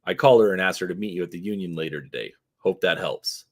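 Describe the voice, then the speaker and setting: A man's voice: low-pitched, fast. A man reading a terse female mercenary. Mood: brisk.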